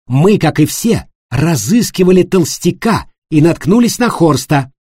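A man's voice: on the high side, expressive, measured pace, a little mellow, slightly rough, dry recording, clean studio sound, pitched above the performer's own voice. A man voicing a proud, defiant wealthy woman who speaks firmly and indignantly. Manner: indignant, firm, raised voice.

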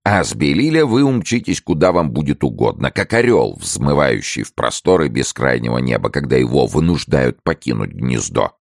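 A man's voice: rumbling low, big pitch swings, normal speed, creaky, hardly any pauses, dry recording, clean studio sound, heavily acted. A man playing an urgent loyal adviser. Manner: urgent, rousing pleading. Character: eager loyal male adviser, urgent and persuasive. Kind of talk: audiobook character reading.

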